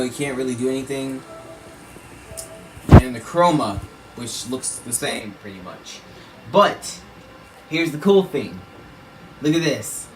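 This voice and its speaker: A young man with an ordinary, mid-pitched voice explains settings in a loose, chatty tutorial recorded in his room. He rambles, adds asides to his viewers and fills gaps with "you know." A faint hiss of noise sits under the voice. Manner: rambling, conversational, lots of fillers and asides to viewers. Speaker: video creator. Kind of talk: casual tutorial walkthrough.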